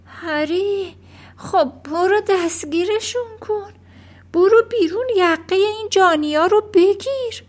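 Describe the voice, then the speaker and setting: A woman voicing a panicky shrill mother. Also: darkish tone. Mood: alarmed. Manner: panicky, shrieking and whispering in turns. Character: frightened shrill mother, middle-aged woman.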